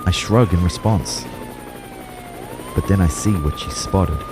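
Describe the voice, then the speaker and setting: Unhurried and low, this young man's voice sounds exaggerated against a noisy background. In an audio drama, he plays an anxious narrator describing his own out-of-body ordeal in the first person, with acted dialogue. The mood stays tense and reflective as he shifts expressively from hushed narration to urgent pleading.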